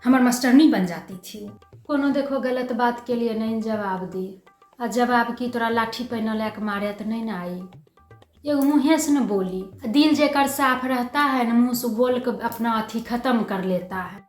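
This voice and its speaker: A middle-aged woman argues her point insistently in a domestic drama. Her voice sits a little high. The room echoes around her, with faint music underneath. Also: measured pace. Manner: argumentative, insistent. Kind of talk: family drama dialogue.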